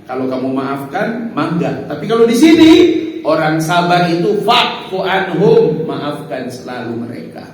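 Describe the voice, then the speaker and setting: A male preacher giving an animated mosque sermon, acting out prayers and speaking to the congregation. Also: on the high side, a little slow. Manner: lively, animated, acts out prayers, addresses audience as Pak. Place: mosque hall. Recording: very echoey hall, mic far off.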